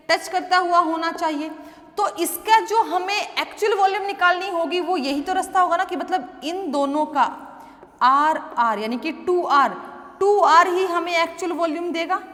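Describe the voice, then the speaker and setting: A woman with a high voice gives a chemistry lesson, switching between Hindi and English. She slows down for English definitions and keeps checking in with her students. The room echoes around her with a long reverb. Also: fairly bright tone. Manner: addresses students as "beta", checks with "thik hai". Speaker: chemistry teacher. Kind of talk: classroom lecture, Hindi mixed with English terms. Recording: roomy echo with long reverb.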